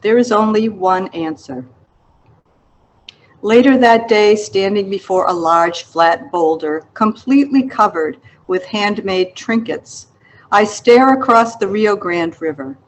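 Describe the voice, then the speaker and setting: A woman reads an excerpt from her own literary memoir aloud, slowly and in a deliberate, reflective way, as an author presenting her work. Her pitch is average for a woman, and the audio quality is poor.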